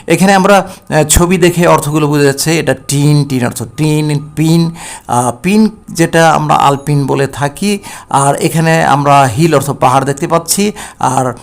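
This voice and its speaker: Bangladeshi man, English teacher, gravelly voice, unhurried, stops often to hesitate, fairly high for a man. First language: Bengali. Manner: slow, deliberate, with frequent hesitation sounds; reads English instructions slowly, then translates them. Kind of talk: textbook lesson explanation.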